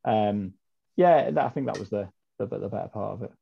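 A man's voice: lowish voice, a little fast, creaky, breathy edge. A man, a podcast guest telling a long story in a chatty, rambling way with many ums and self-corrections. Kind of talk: casual storytelling chat. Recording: dull lo-fi audio.

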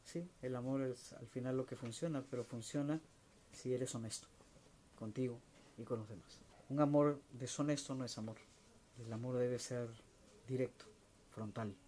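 A man answering viewer questions in a slow, reflective spiritual talk, searching for words and letting phrases trail off softly. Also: mid-range voice, slight background noise. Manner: slow, searching, with many restarts and soft trailing endings.

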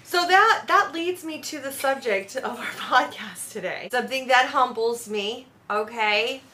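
A woman hosting a podcast, chatting in a brash, animated way and swearing freely. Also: a little high, unhurried, slight background noise. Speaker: podcast host. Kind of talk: casual chat.

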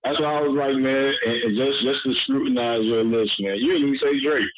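A man in a casual, profane rap debate, loudly and opinionatedly ribbing his friends in slangy talk. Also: mid-range voice, fairly even intonation, a little fast, over a noisy crowd. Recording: muffled lo-fi sound, people chattering behind.

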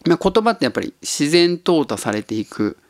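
A man's voice: on the high side, sing-song, a little fast, dry recording. Easygoing man musing in a dry voice. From Tottori, Japan. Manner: easygoing, musing, chuckles often. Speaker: podcast host. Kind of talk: casual solo podcast talk.

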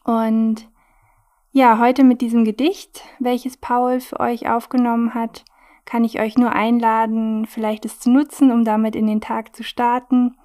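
A woman hosting a podcast, introducing a guest softly and hesitantly, with fillers. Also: a little high, little pitch movement, a little slow. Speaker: podcast host.

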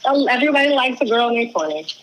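Twentysomething woman on a podcast, laughs a lot, super lively up-and-down voice, faint hiss behind. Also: a little high, racing. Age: 20s. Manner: laughing, frank, expressive. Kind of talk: casual chat.

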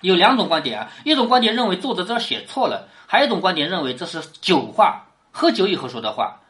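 Retelling a classic novel in everyday words, this lecturer explains the story while repeatedly tacking on rhetorical tag questions, her voice falling on each. She talks fast and very animatedly, with a fairly low pitch and a fairly bright tone.

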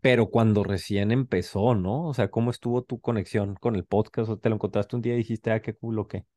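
A man's voice: on the low side, steady tone, fairly quick, warm tone. A man with a Mexican accent hosting a podcast in a casual, slangy, rambling way full of filler words. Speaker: podcast host. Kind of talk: casual chat.

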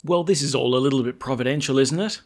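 A man's voice: mid-range voice, quick pace, darkish tone. Male priest speaking at Mass. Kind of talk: Gospel reading and homily.

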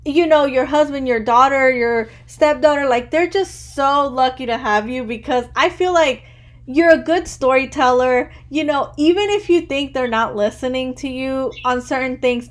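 A woman's voice: high-pitched, moderate pace. A woman in her thirties hosting a podcast interview, chatting casually and rambling with lots of "like". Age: 30s. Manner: chatty, rambling, says "like" constantly. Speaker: podcast host.

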